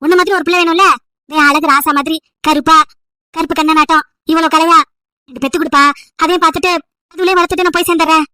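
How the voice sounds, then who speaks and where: A woman's voice: extremely high pitch, fairly even intonation, fast talker, pushed and bright, no echo, clean studio sound. A woman doing a nagging old grandmother. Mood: pleading. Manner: scolding, pleading, wailing complaints. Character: nagging old village grandmother, emotional, wants great-grandchildren.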